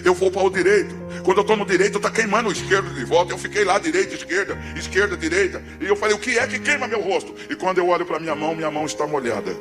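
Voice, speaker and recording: A man from Pernambuco, giving a dramatic testimony sermon in a church, swinging between hushed and shouting. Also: high voice, racing, hardly any pauses, music in the background. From Pernambuco, Brazil.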